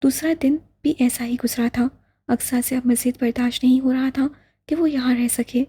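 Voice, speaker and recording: A woman reading a novel aloud in calm, even scripted narration. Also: high-pitched, moderate pace, slightly rough. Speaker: audiobook narrator.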